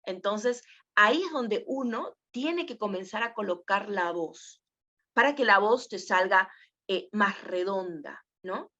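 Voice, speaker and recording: A woman's voice: medium pitch, animated, slow, bright, forceful tone. Woman teaching voice, lo-fi sound. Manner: conversational, many fillers, asks the class questions. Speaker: voice and presenting teacher. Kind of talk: spoken workshop lesson.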